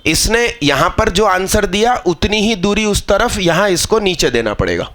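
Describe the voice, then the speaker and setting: A man's voice: high-pitched, sing-song, normal speed, a bit bright. A male math teacher giving a live exam-prep lecture, explaining step by step and scolding students into understanding.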